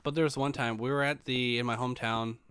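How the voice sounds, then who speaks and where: Smooth-voiced man in his late twenties rambling. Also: mid-range voice, steady tone, fast, a bit bright. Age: late 20s. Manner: rambling, meandering storyteller. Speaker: streamer. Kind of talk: casual storytelling to a live stream audience.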